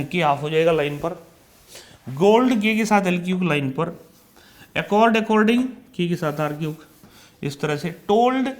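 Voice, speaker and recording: A man with an Indian accent teaching a shorthand class. He calls out each word loudly, then explains it more quietly, and addresses his students as children. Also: high-pitched. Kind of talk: classroom lesson explaining steps.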